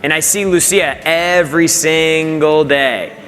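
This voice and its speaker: Energetic male host in a big hall. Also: a little high, unhurried. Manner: energetic, hypes the audience. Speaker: event host. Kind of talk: onstage interview. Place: large event hall. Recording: hall reverb with faint music.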